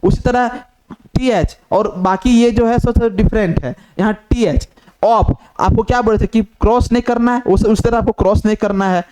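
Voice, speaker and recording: A man's voice: sits high, moderate pace, darkish tone. A man teaching a lesson. He keeps asking questions and answering them himself, and he repeats his points. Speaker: shorthand teacher. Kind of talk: classroom lesson explanation.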